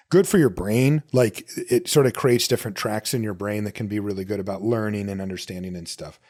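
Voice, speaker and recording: Low-pitched and darkish, the voice comes from a middle-aged podcast host from the United States. His solo talk is easygoing and conversational, mixing listener Q&A with stories about himself.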